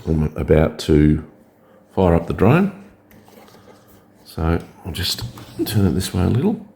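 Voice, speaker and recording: A man with a scratchy, hoarse voice from a cold, hesitantly talking through a setup step by step. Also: low-pitched, big pitch swings, slow pace, mellow. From Australia. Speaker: drone hobbyist. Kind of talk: casual tutorial narration.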